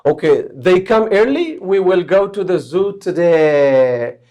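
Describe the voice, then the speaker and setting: A man's voice: high voice, big pitch swings, takes it slowly, warm tone. A man teaching English grammar to a class of students. He explains step by step and keeps checking whether they understand.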